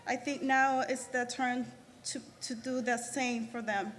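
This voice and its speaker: A woman's voice: a little high, steady tone, a bit bright. Earnest Salvadoran woman in a reverberant hall. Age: 30s. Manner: earnest, halting with restarts. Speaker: graduating student speaker. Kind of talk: prepared ceremony speech. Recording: reverberant hall, faint noise.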